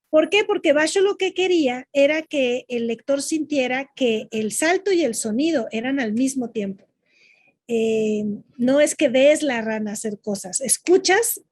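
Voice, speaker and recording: A woman's voice: on the high side, a little mellow, breathy edge. A woman with a Mexican Spanish accent teaching young people the rules of haiku, explaining step by step and answering her own questions. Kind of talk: online lesson explaining poetry rules.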